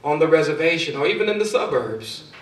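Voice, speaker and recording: Male speaker, fairly high voice, motivational storytelling, roomy hall sound, mic at a distance. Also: animated, fairly quick, noisy background. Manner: storytelling with dramatic swings in loudness. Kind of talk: motivational speech. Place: large hall. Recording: echoey hall, far from mic.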